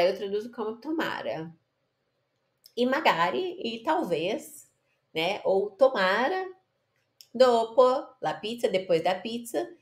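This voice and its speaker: A woman gives an Italian lesson in at an unhurried pace. She reads short lines of Italian, then translates and repeats each word to drill the pronunciation. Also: mid-range voice. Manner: explains Italian words in Portuguese, repeats and corrects pronunciation. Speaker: Italian teacher. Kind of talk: online language lesson.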